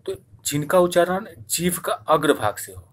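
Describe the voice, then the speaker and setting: A man's voice: high voice, sing-song, measured pace. A man teaching an exam-prep grammar lesson, asking questions and answering them himself, stretching out vowel sounds as he demonstrates them. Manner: repetitive, asks and answers own questions.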